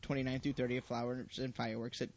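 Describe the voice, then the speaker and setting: A man co-hosting a casual podcast, wry and quick with jokes. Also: medium pitch, flat delivery, darkish tone. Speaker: podcast co-host. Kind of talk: casual chat. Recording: dull lo-fi podcast audio.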